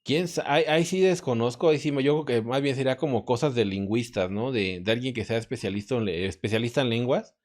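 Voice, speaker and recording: A man's voice: mid-range voice, fast, hardly any pauses, darkish tone. A man with a Mexican accent, a math and physics professor, talking as a guest in a casual podcast conversation. He thinks aloud, often hesitating and restarting.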